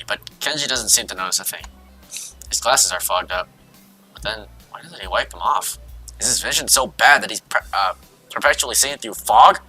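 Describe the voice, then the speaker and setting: Bright-voiced man reading a game aloud. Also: fairly low pitch. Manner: casual, self-mocking asides. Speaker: streamer. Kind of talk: reading a visual novel aloud on stream. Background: faint game music.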